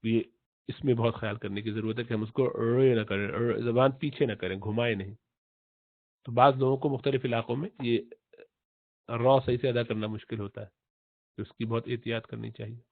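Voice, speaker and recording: A man teaching tajweed in Urdu, explaining slowly, repeating letter sounds and chanting recited verses in long drawn-out tones. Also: medium pitch, steady tone, vocal fry, dry recording. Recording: tinny phone-like audio, dry.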